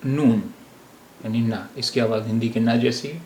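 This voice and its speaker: A man teaching a language lesson. He speaks slowly and says each word several times. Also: medium pitch, fairly even intonation, a little mellow. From India. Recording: roomy echo, faint background noise.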